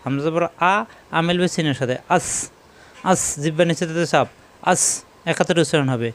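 A man teaching Quran reading, giving slow step-by-step lessons and repeating each sound several times. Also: a little high.

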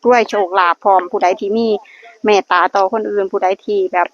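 A woman's voice: medium pitch, steady tone, fairly quick. A woman with an Isan accent giving blessings and luck advice to her viewers at a temple, earnestly addressing them as brothers and sisters. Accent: Isan (Northeastern Thai). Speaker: vlogger guiding lottery luck prayers. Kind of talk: casual blessing-filled vlog talk. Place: temple grounds. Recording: dull lo-fi recording with faint noise.

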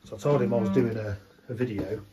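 A man's voice: fairly low pitch, steady tone, fast talker, noisy background. A middle-aged man vlogging casually as he walks around outdoors and through a small stone church, chatting with many restarts, filmed on a handheld camera at arm's length. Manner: chatty, rambling, often restarting sentences. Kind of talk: casual walking vlog chat.

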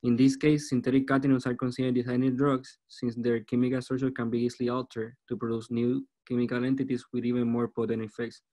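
A man in his twenties with a Puerto Rican accent, giving an academic presentation as a student researcher in a halting way, repeating words. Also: medium pitch, flat delivery, dark tone. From Puerto Rico. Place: online video call.

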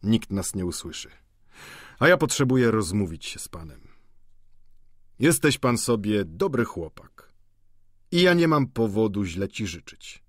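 A man reading the part of a sly, cynical middle-aged schemer who talks with slow mockery. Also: fairly low pitch, sing-song, dry recording, studio quality. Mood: persuasive. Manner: mocking, slow and deliberate.

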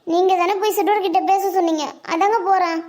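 A woman voicing a timid, long-suffering village mother in a cartoon, soft and resigned. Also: very high voice, steady tone, a little fast. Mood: placating. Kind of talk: Tamil cartoon voice acting.

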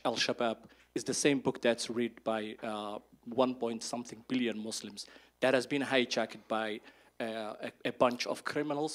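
Earnest man from Somalia speaking from the floor. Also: mid-range voice. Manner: earnest, grows emphatic. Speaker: audience member. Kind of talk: speech from the floor. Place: conference hall.

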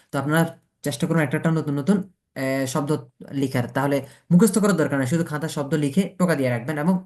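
This man's voice is fairly high and mellow as he leads a beginners' class on Italian pronunciation taught in Bengali. He takes it letter by letter, answering the questions he asks.

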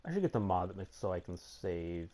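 Low-voiced, rambling, cursing young gamer guy. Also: sing-song, fast talker, a little mellow. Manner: rambling, swears often, mutters to himself. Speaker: let's play gamer. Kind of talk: casual gameplay commentary.

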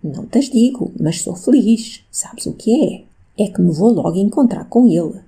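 A woman's voice: medium pitch, expressive, normal speed, mellow, slightly rough. A woman voicing an anxious, desperate countess in an audiobook, her pleas urgent and dramatic. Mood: feverish. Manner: pleading, urgent, dramatic reading.

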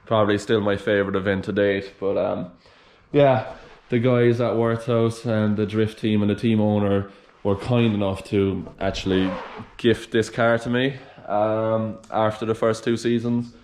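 Young man, low voice, steady level tone, casual vlog, handheld camera in a big garage. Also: measured pace, a little hiss or hum. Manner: relaxed, chatty, lots of fillers. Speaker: vlogger. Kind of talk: casual workshop tour vlog. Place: large indoor workshop garage. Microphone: handheld camera at arm's length.

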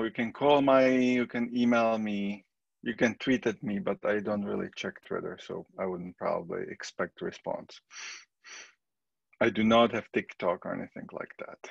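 A middle-aged man from the Czech Republic with a Czech accent, giving a relaxed, conversational recorded statistics lecture. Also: fairly low pitch, unhurried, creaky, pauses often, no room sound, lo-fi sound. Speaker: statistics professor.

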